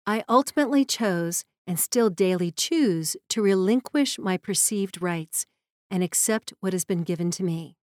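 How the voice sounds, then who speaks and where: A woman's voice: medium pitch, a little slow, a little mellow, no echo. Woman, memoir narrator, earnest and reflective, dry close sound.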